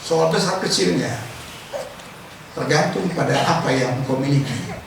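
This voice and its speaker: A male preacher giving a lively sermon, acting out prayers and quizzing the congregation. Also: mid-range voice, a little slow, gravelly. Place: church service hall. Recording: echoey hall, distant mic, noisy.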